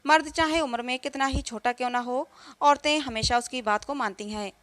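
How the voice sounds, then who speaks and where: A woman's voice: high-pitched, fairly quick, fairly bright tone, dry recording. A woman voicing a domineering, traditional mother-in-law who scolds and lectures in a narrated story. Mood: scolding. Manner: scolding and preachy.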